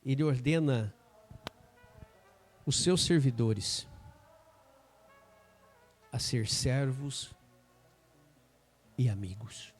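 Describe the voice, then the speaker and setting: Brazilian pastor preaching with dramatic pauses. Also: male voice, mid-range voice, slightly rough, faint music behind. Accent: Brazilian Portuguese. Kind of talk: sermon storytelling.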